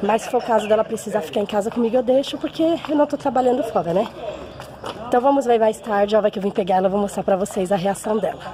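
A woman's voice: medium pitch, very fast, a crowd in the background. A woman, chatting casually to viewers as a vlogger mother, emotional and often asking for agreement, recorded on a handheld phone at home and while walking outside. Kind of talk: casual vlog chat to viewers. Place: home, then walking outdoors on a street.

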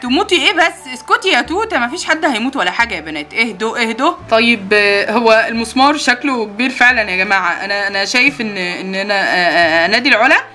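A squeamish doll dad stammers and hesitates in a lowered but still bright Egyptian Arabic voice, as a woman puts him on. He talks quickly, in a toy-play cartoon. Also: expressive, soft background music. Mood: nervous. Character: nervous doll father, squeamish.

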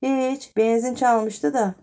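A woman's voice: fairly high pitch, fairly even intonation, takes it slowly, mellow, pitched above the performer's own voice. A woman voicing a haughty, indulgent wealthy mother who talks dismissively in an audiobook story. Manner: dismissive, reassuring.

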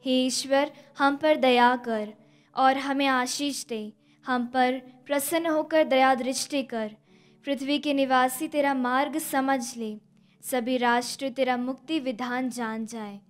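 Slow, high-voiced young woman reading scripture. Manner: even, deliberate recitation of scripture and psalm. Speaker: scripture reader at Mass. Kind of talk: slow, measured liturgical reading. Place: indoor studio chapel. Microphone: stand mic at a lectern.

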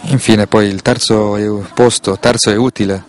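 A man with an Italian accent giving live football play-by-play in a measured, detailed way, sometimes correcting himself. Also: lowish voice, fairly even intonation. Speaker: football commentator. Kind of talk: live play-by-play match commentary.

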